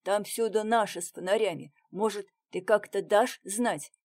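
A woman's voice: medium pitch, moderate pace, darkish tone, natural voice. Woman doing a cheeky soldier friend. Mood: teasing.

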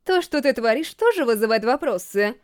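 A woman voicing a fierce, hot-tempered teenage girl who snaps and shouts. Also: a little high, expressive, a little fast, lightly acted. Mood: irritated. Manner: sharp, snapping, shouting.

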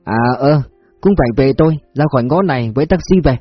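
A man's voice: medium pitch, fast, breathy edge, highs cut off, faint music behind, close to an everyday voice. A man reading a story, voicing a crude, drunken secret police man who talks coarsely. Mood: slurring. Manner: slurred, coarse.

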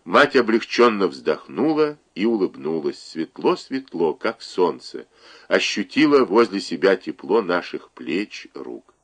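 A man narrating a literary novel in a measured, expressive reading voice. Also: sits low, husky. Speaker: audiobook narrator.

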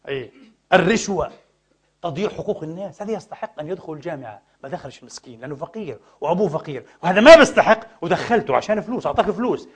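A man preaching a sermon lesson, addressing the brothers with rhetorical questions and swinging between loud outbursts and quiet asides. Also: on the high side, husky. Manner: impassioned, rhetorical questions to the audience.

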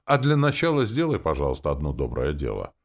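A man voicing a kindly older woman teacher who talks gently and coaxingly. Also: very deep voice, wildly swooping pitch, a little fast, exaggerated voice. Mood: gentle.

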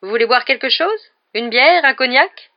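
A woman's voice: sits high, animated, moderate pace, pitched above the performer's own voice. A woman putting on an old toothless innkeeper, eager to please and exclaiming in a raised, lifted voice. The audio is dull and lo-fi. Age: older.

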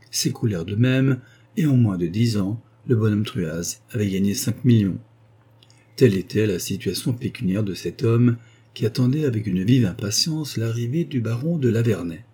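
A man narrating an audiobook novel in a measured storytelling manner. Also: fairly low pitch, animated, mellow, slightly rough.

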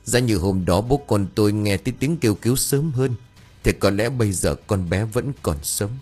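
A man's voice: fairly low pitch, normal speed, a little mellow, husky, soft background music. A man voicing an older village man at a funeral, earnest and stammering as he pleads. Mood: sorrowful.

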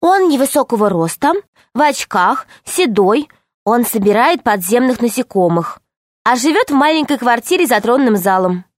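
Woman reading a calm sensible girl. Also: fairly high pitch, normal speed, no room sound, clean studio sound, lightly acted.

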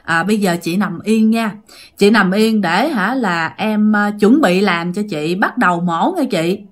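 A woman voicing a calm young male surgeon who gently reassures a patient. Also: medium pitch, unhurried, natural voice. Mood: reassuring.

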